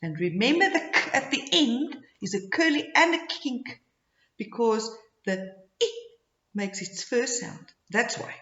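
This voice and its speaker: A woman teaching phonics to young children, modeling sounds and words in slow, exaggerated speech with repetition and simple instructions. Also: fairly high pitch, big pitch swings, a bit bright. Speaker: early-grade phonics teacher. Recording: dull, echoey room sound.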